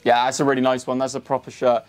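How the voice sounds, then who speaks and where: An excitable man hosting a football shirt unboxing, often repeating himself as he reacts. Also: mid-range voice, fast, smooth, faint music behind. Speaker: football shirt channel host.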